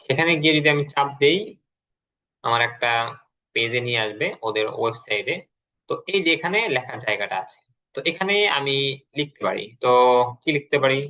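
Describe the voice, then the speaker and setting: Brief: male online teacher, bright forceful tone, patient step-by-step explaining, call mic. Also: mid-range voice, animated, brisk, long pauses. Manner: explains step by step, repeats words for drills. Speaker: English teacher. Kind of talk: online class lesson.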